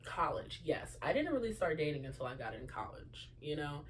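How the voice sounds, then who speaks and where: A woman's voice: sits low, big pitch swings, normal speed, slight background noise. A young woman in her early twenties hosting a casual solo chat show, talking to listeners with lots of fillers and asides. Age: young adult. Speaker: podcast host.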